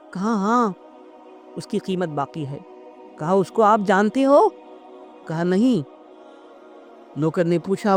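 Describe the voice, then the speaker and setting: A man giving a devotional storytelling speech, acting out the dialogue and reciting poetic couplets. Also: high-pitched. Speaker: religious speaker.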